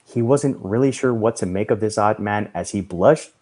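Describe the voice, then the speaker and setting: Man, reading a story aloud, measured narration, somewhat low voice. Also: a little mellow. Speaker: reader.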